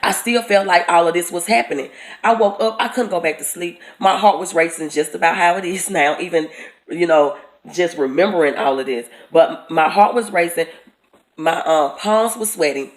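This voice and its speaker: A woman's voice: on the low side, normal speed, low-quality recording. A woman telling a personal testimony of a dream in an earnest, storytelling way, repeating her words for emphasis.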